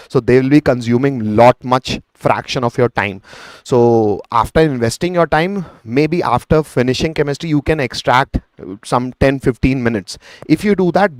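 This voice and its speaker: A man's voice: mid-range voice, darkish tone, no echo, clean studio sound. A man with an Indian accent teaching chemistry in a live online exam lesson, explaining conversationally, addressing students as beta and mixing some Hindi into his English.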